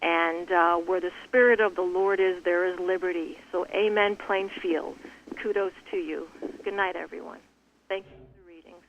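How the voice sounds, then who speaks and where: A woman's voice: fairly low pitch, steady tone. A woman calling in on the phone while hiding under her desk at work, hurrying through a church testimony. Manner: rushed, hurried. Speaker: church caller giving testimony. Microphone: phone call. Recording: dull phone line with faint noise.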